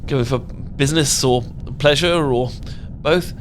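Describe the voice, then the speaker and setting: In an ASMR romance roleplay with a faint hiss in the background, a man voices a bookish British character who stammers, repeats himself, and rambles when nervous. His voice has an ordinary male pitch, and his flustered, lightly acted delivery runs a little slow.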